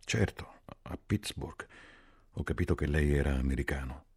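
A man's voice: very deep voice, moderate pace, a little mellow, husky, exaggerated voice. A man voicing a resentful wounded soldier who grumbles and swears. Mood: grumbling.

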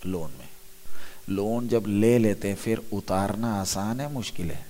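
Slow, deep-toned preacher in a reverberant hall. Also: male voice, dark tone. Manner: asks the audience questions and answers them himself. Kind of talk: sermon. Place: large hall at a youth conference.

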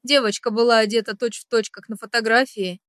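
A woman's voice: fairly high pitch, steady tone, a little fast, fairly bright tone, clear, resonant tone, no room sound, clean studio sound, natural voice. A woman voicing a stern male security chief who speaks formally and reassuringly in an audiobook. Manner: strict formal address, reassuring.

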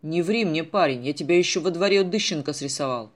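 A man voicing a gruff, commanding adult police captain who talks loudly. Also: a little high, quick pace, natural voice. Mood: menacing. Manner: loud, brusque, commanding.

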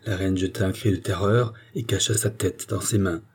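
A man reading a classic novel aloud in a measured, literary narration. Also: low-pitched, steady tone, breathy edge. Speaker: audiobook narrator. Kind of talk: scripted narration.

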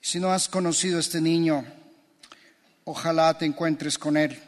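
A man's voice: fairly high pitch, fairly even intonation, moderate pace. A man preaching a sermon as pastor, impassioned and building through repeated phrases. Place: church. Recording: long church reverb.

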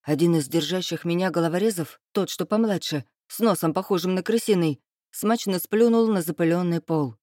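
A woman reading a first-person fantasy audiobook in an expressive, measured storytelling manner. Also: fairly low pitch, no echo, clean studio sound. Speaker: audiobook narrator.

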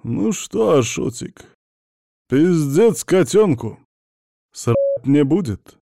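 A man's voice: a little high, sing-song, slow pace, gravelly, mellow, dry recording, clean studio sound, pitched above the performer's own voice, full character voice. A man voicing a menacing older male gang boss who taunts his captive mockingly. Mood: taunting.

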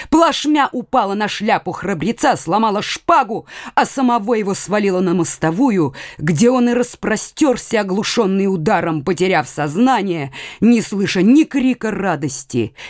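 A woman narrating a historical novel as an expressive, theatrical audiobook reading on a close mic. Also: medium pitch, no echo.

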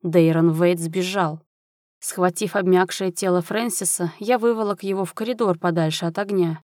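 A woman narrating a fantasy novel aloud in an even, expressive reading. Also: on the low side, moderate pace, no echo, clean studio sound. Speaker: audiobook narrator. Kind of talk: dramatic fiction reading.

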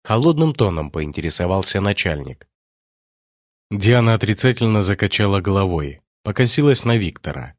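Low-voiced man reading a novel aloud. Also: very animated, normal speed, dry recording, clean studio sound. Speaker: audiobook narrator. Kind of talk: scripted narration.

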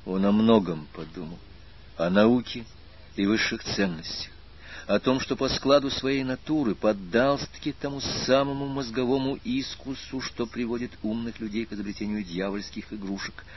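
A man narrating an audiobook in a measured, expressive reading with a husky voice. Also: fairly low pitch, dull audio. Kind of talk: scripted narration.

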